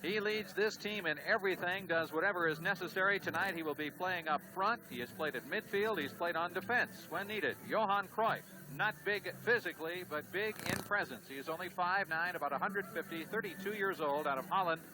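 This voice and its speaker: A man's voice: high-pitched, a little fast, hardly any pauses. 1970s TV soccer color commentator, man. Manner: relaxed, explanatory. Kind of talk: 1970s TV sports analysis. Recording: old TV broadcast with steady noise.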